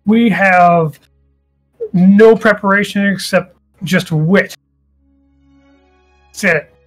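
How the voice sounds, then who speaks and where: A high-voiced man moderating a loose online debate show. He jokes easily and pokes fun at himself. Faint music runs behind his voice. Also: very slow. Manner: joking, self-deprecating. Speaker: co-host and moderator. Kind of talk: casual podcast chat.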